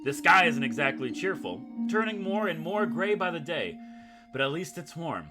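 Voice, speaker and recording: Over background music, a man hosting a gaming video reads a visual novel aloud with dramatic, storyteller flair and slips in casual, jokey comments. His voice is a little high, swings widely in pitch, and moves at a moderate pace.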